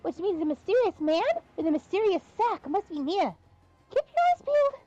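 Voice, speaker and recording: Woman hamming up an eager, high-pitched girl detective. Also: very animated, warm tone, dry recording. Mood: excited, urgent. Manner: deliberately hammy bad acting, exaggerated. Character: eager, naive young female amateur detective in a fantasy game. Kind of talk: amateur dramatic game dialogue read-along. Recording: muffled, noisy home microphone recording.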